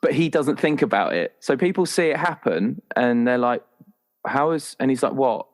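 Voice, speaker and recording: Speaking at a normal speed in an expressive mid-range voice, this man plays a roleplaying character in a casual, playful chat. He drifts into imagined dialogue at times as he builds the character.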